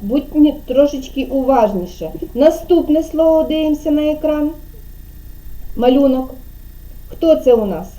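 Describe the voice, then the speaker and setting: A woman's voice: sits high, animated, normal speed, mellow. A woman kindergarten teacher giving an online speech lesson to a child over a video call, patiently drawing out syllables and prompting.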